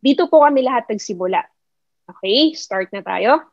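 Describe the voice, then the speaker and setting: A fairly high-voiced woman with a Filipino accent coaches an online group, mixing English into her speech. She repeats her key points and keeps asking her listeners questions. Her voice comes through a computer mic, close and dry, with a dull, muffled tone. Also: expressive, moderate pace, no room sound. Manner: repetitive, questioning the audience; mixes English into Tagalog. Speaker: network marketing mentor. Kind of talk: online motivational talk.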